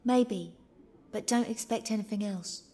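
A woman's voice: mid-range voice, unhurried, mellow, slightly rough. An actress voicing a bitter, dismissive young woman in a video game, with a scornful, snapping delivery.

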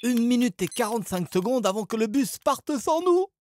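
A man voicing an excitable young boy adventurer in a children's audio story, with anxious, eager outbursts. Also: very high voice, normal speed, background noise, pitched above the performer's own voice. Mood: panicked.

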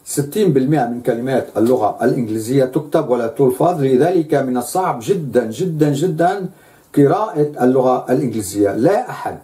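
A man's voice: medium pitch, lively intonation, fast talker, warm tone. A man giving a lecture, speaking emphatically and repeating words for stress.

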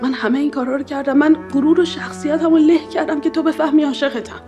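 Woman acting as a lovesick young woman in a TV drama, high voice, insistent and pleading, loud music score. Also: steady tone, close to an everyday voice. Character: young woman in love with her cousin. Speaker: actress in a TV drama.

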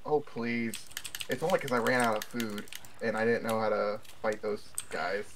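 Gaming buddy, man, easygoing and jokey, clear background noise. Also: on the low side, steady tone, moderate pace. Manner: reassuring, jokey, swears casually. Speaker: co-op gaming partner. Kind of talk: casual gameplay chat.

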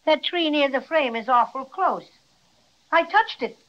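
A woman's voice: high voice, lively intonation, measured pace, lo-fi sound. A woman voicing a small, brave, boastful male stuffed cinnamon bear in a 1930s radio play, with a cheery, folksy way of talking. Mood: eager. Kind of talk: 1930s radio drama acting.

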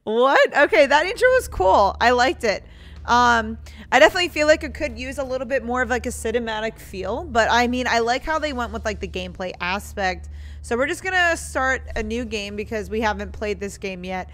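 A woman's voice: fairly high pitch, lively intonation, a little fast, a bit bright. A young woman giving casual let's-play commentary, sometimes reading game text aloud as she plays. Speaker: game streamer. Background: faint game music.

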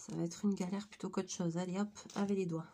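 A woman in her thirties with a voice hoarse from flu, chatting informally and with slang as she presents a craft tutorial. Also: fairly low pitch, fairly even intonation, fast talker, warm tone, a little hiss or hum. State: hoarse, croaky from flu, coughing. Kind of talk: casual craft tutorial chat. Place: small attic room indoors.

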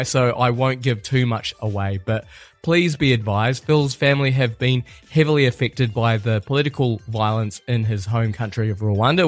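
A podcast host with a slight cold speaks in a croaky, friendly voice. His pitch is mid-range and the recording is dry. Soft music plays quietly behind him. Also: no echo. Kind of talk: podcast intro and interview.

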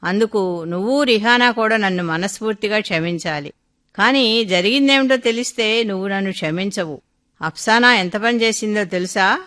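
A woman's voice: mid-range voice, moderate pace, fairly bright tone, natural voice. A woman voicing an older man, a guilt-ridden and anxious father, in a storybook reading. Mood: remorseful. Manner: anxious and remorseful.

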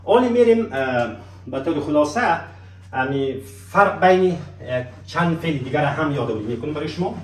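Male language teacher, fairly high voice, slow drilled examples, roomy and off-mic. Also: lively intonation, distant mic. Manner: slows right down to spell out French examples, asks students to repeat. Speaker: French teacher. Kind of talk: spoken language lesson with slow example phrases.

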